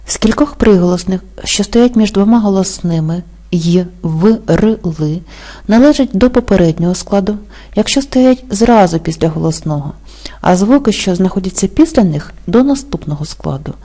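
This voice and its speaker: A woman teaching an exam-prep language lesson, explaining rules slowly and carefully and spelling out example words. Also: mid-range voice, expressive, dark tone. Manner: slow, careful dictation-like delivery.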